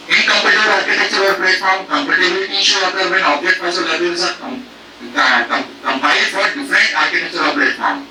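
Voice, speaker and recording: A man's voice: on the high side, pushed and bright, reverberant, recorded from a distance, slight background noise, poor audio. A man lecturing on programming errors, asking rhetorical questions, using homely food analogies and mixing English technical terms into his talk. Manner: mixes English technical phrases into Hindi. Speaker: professor teaching a faculty workshop.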